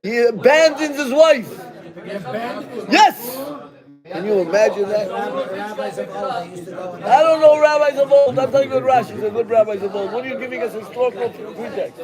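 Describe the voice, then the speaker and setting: A man teaching a Talmud class, animated and joking, calling on students by name. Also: extremely high pitch, moderate pace, pauses often, a crowd in the background.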